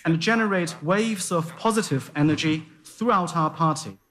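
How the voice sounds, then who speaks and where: A man speaking as a live interpreter, rendering a formal political speech in a measured, declamatory way. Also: fairly high pitch, a bit bright.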